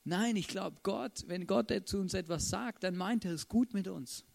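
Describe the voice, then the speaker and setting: Guy preaching, high voice, super chatty, keeps asking the crowd. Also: moderate pace, gravelly, a little mellow. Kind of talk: casual sermon.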